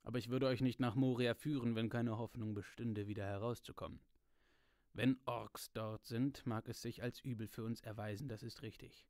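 A man reading aloud voices an old, wise male wizard, speaking in a measured, calm, slightly lowered voice. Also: no echo, studio quality, close to an everyday voice. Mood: grave.

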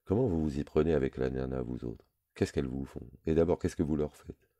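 A man's voice: extremely low pitch, fairly quick, dark tone, no room sound, studio quality. A man doing a brash, teasing shady lawyer.

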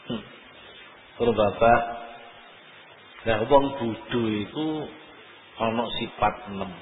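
An older man giving a lively sermon as an Islamic preacher, chuckling often. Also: mid-range voice, a little hiss or hum. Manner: animated, chuckling often, slow deliberate delivery. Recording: echoey lo-fi phone-like hall recording.

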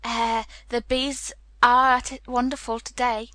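A woman's voice: fairly high pitch, little pitch movement, a little slow, bright, forceful tone, no echo. A woman voicing a cheerful, plain-spoken country boy.

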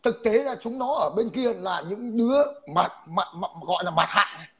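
Husky man, high voice, measured livestream host who explains and moralizes. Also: fairly bright tone. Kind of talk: casual online chat.

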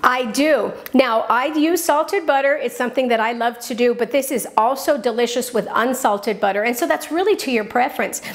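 A woman's voice: fairly high pitch, moderate pace, hardly any pauses. Upbeat woman hosting a home cooking show. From New Mexico. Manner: chatty, upbeat, enthusiastic. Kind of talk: cooking demonstration. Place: home kitchen.

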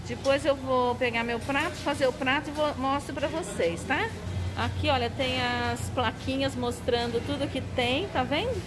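A woman's voice: high-pitched, normal speed, music in the background. A woman vlogging as she walks through a large restaurant, filming with a handheld phone and talking chattily and enthusiastically to her viewers. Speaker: travel and food vlogger. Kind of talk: casual vlog walkthrough. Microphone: handheld phone camera.

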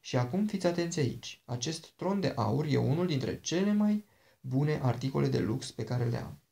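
A man's voice: a little high, animated, gravelly, warm tone. A man voicing an ancient princess, a charming and dangerous woman who talks in a sweet, persuasive, coaxing way.

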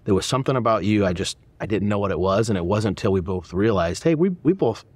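In a dark church auditorium, a man in his forties who pastors and hosts an interview podcast talks in a relaxed, conversational way. His lowish voice is animated and quick, free of echo, as he speaks earnestly with many restarts and warm affirmations.

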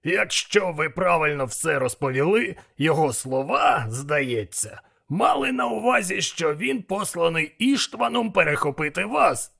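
A blunt, bossy male demon snaps out his plans, as a man puts him on for an audiobook. The voice sits high and lively, with a gravelly, raspy bite. It sounds bright and forceful. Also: measured pace, few pauses, exaggerated voice. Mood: scheming. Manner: blunt, scolding. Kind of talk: audiobook character voice.

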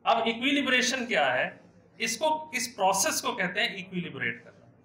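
A man's voice: high voice, sing-song, normal speed, bright, forceful tone. A middle-aged man, lecturing a class as a professor, explaining with everyday examples, asking rhetorical questions and slipping in English terms. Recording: echoey room.

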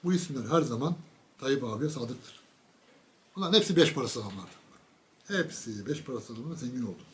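A man's voice: mid-range voice, animated, a little fast. A man giving a casual political commentary monologue, mocking and sarcastic, talking straight to his viewers with emphatic lists.

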